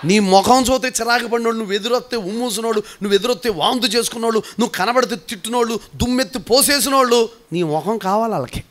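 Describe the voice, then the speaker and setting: A man preaching a sermon as pastor, animated and teasing, calling on the congregation to answer back. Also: very high voice, fast talker.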